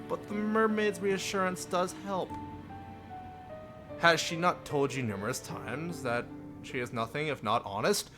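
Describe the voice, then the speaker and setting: Over background music, a man streams himself narrating a visual novel in a theatrical style, adding lighthearted quips. His voice sits on the high side and sounds bright and forceful.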